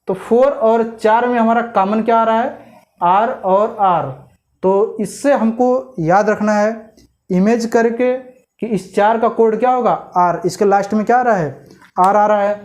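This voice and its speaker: A man's voice: high-pitched, a little mellow. Hindi teacher man asking rhetorical questions. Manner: repeats "clear?" and asks rhetorical questions. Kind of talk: explaining a memory trick lesson.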